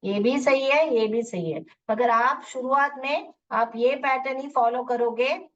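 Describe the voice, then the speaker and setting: A woman's voice: sits high, a bit bright. A woman teaching phonics in a live online class, sounding out letters one by one and mixing Hindi explanations with English words. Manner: drills sounds slowly, letter by letter. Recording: dull distant lo-fi audio.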